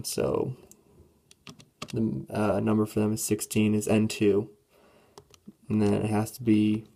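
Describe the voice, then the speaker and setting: A teenage student walks through a statistics problem on a calculator, hesitating with many fillers and clearing a voice that is going hoarse. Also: mid-range voice, dark tone. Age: teens. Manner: halting, filler-heavy, thinking aloud. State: losing voice, throat clearing. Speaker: student presenter. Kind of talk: classroom walkthrough of a calculator test.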